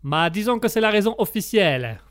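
A man voicing a chatty Italian pasta maker in a put-on Italian accent, speaking slowly and haltingly and filling gaps with "ma". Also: sits high, animated, fairly bright tone, clean tone, no room sound, clean studio sound. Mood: rambling. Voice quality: slow and halting, fills gaps with "ma".

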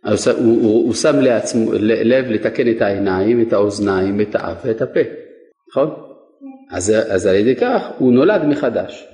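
A man's voice: lowish voice, animated, mellow. A man teaching a Torah lesson, putting questions to his students and answering them himself. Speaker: rabbi teaching a class. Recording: echoey room with long reverb.

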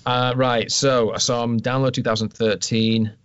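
A man's voice: medium pitch, level tone, normal speed, a bit bright, clean tone. A man from England in casual chat as a podcast co-host, dry, teasing and blunt with swearing. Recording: dull lo-fi sound.

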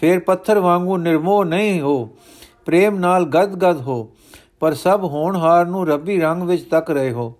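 A man's voice: high voice, moderate pace, darkish tone, close to an everyday voice. A man reading the part of a grieving, devoted older chieftain, earnest and reverent in manner.

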